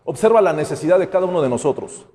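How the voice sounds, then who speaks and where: Man, pastor preaching a sermon, high lively voice, long hall reverb. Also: fast. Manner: conversational preaching, acts out quoted voices. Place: church sanctuary.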